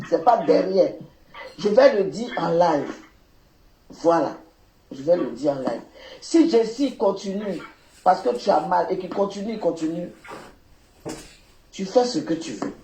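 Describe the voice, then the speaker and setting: A man hosting a live stream, speaking calmly and soothingly and repeating himself. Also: sits high, measured pace, pauses often, echoey room, a little hiss or hum, low-quality recording.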